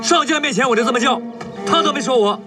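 A man's voice: very high-pitched, fast. An actor playing a stubborn battalion commander in a war drama, blunt and defiant in his talk. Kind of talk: television period war drama. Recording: distant mic, faint music behind.

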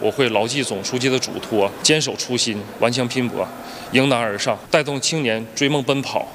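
A man's voice: medium pitch, fairly quick, background noise. A man giving a prepared formal statement as an interviewee, earnest and recited. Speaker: athlete interviewee.

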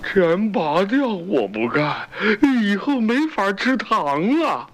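A woman's voice: medium pitch, big pitch swings, full character voice. A woman playing a whiny, bossy yet cowardly tiger with a toothache in a children's animal story, groaning and drawing out exclamations. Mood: anxious, whiny. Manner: groaning, wailing, drawn-out exclamations.

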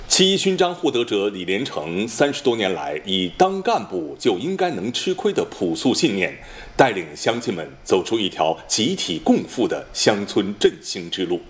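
A man with a standard mainland Mandarin accent reads scripted broadcast news as a formal, measured anchor. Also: on the low side, very animated. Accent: standard mainland Chinese Mandarin.

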